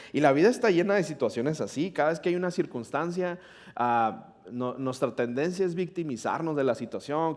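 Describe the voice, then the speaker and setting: A middle-aged man with a Mexican accent preaching a sermon in a church, telling a personal story in a chatty, animated way and often asking the congregation questions. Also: on the high side. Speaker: pastor. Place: church hall.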